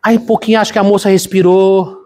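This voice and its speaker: A man's voice: high voice, level tone, a little fast, mellow. A middle-aged Brazilian man, a pastor, preaching a conversational sermon with a personal story, calling the congregation brothers. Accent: Brazilian Portuguese. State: congested from a cold.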